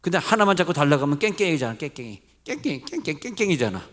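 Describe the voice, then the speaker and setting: A man's voice: on the high side, sing-song, quick pace, a bit bright. A middle-aged male pastor with a Seoul accent, preaching a midweek church sermon in a conversational way, asking his congregation questions and joking lightly. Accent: Seoul Korean. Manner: mixes polite and plain speech, jokes lightly. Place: church sanctuary.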